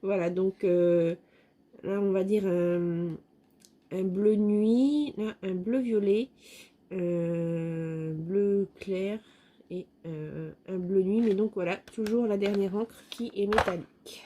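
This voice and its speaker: Slow-talking, mellow-voiced French woman vlogger. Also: medium pitch, steady tone. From France. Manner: chatty, many hesitant fillers, self-mocking asides. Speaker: craft vlogger showing a haul. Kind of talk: casual product review talk.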